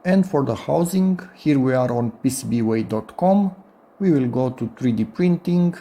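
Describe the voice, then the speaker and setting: Here the same DIY electronics host sounds mellow and expressive, with a medium pitch and normal speed. He thinks out loud in a casual, somewhat halting way while demonstrating a hands-on build.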